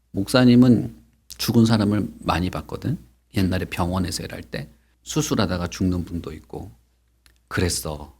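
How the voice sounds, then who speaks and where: A middle-aged man preaching to children at Sunday school, telling the story with lively questions and acted-out lines. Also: fairly low pitch, husky. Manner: animated, acts out quotes, asks children questions. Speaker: pastor teaching Sunday school.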